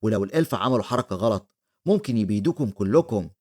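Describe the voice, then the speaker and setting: A man's voice: lowish voice, expressive, quick pace, darkish tone. A man with an Egyptian Arabic accent voicing an anxious young village girl in a storybook recap. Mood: worried.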